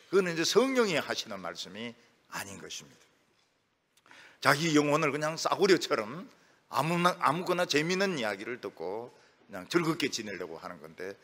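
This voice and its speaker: A middle-aged male pastor preaching a sermon in a lively, storytelling way, acting out the voices of people he quotes. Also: fairly high pitch. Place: church sanctuary. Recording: long reverb of a church hall.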